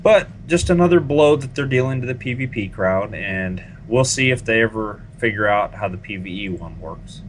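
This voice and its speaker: Low-voiced animated male podcast host. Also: a little hiss or hum, poor audio. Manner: animated, complaining, quick to laugh. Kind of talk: casual gaming podcast chat.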